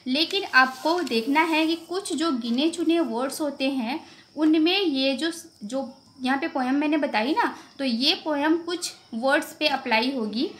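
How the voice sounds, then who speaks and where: A woman teacher with an Indian accent explaining a phonics lesson, asking questions and repeating the sounds slowly. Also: sits high, a bit bright.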